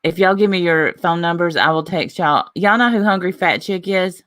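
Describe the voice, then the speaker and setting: A woman co-hosting a casual livestream with a deadpan, teasing manner, passing along viewer messages. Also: lowish voice, moderate pace. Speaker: co-host.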